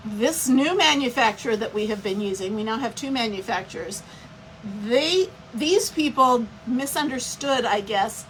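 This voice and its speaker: A woman's voice: on the high side, fairly bright tone, slight background noise, poor audio. A woman giving a chatty, step-by-step live craft demonstration and greeting viewers by name as she works. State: has the hiccups. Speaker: craft instructor.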